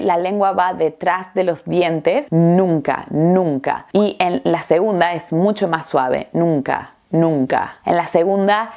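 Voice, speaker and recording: Lady teacher, lowish voice, patient, says the examples over and over. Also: a little mellow. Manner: clear, patient, repeats example phrases slowly then quickly. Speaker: Spanish teacher. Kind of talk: language lesson.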